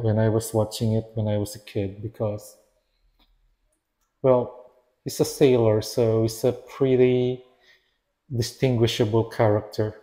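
A man with a mellow, mid-range voice reviews an action figure casually. He sounds hesitant and often stops to restart and correct himself.

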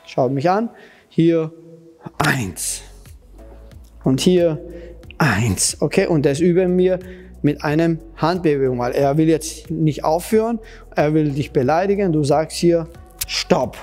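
A man's voice: a little high, a little slow, pauses often, a little mellow, soft background music. Patient man coaching kids in simple phrases. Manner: simple, slightly broken phrasing, direct address to kids; patient, repetitive, demonstrating as he talks. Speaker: Krav Maga kids' trainer. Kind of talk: instructional talk to children.

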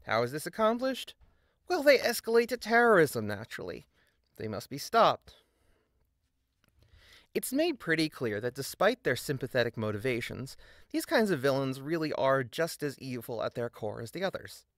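Delivering scripted video essay narration at normal speed, a man uses a highly animated pitch and a sardonic, emphatic manner full of dry asides. The close recording is dry, with little room sound.

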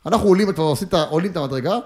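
A man's voice: a little high, darkish tone. A man who is a guest on a podcast, telling a long funny story in casual chat and acting out what people said. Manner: rambling, jokey storytelling with acted-out quotes.

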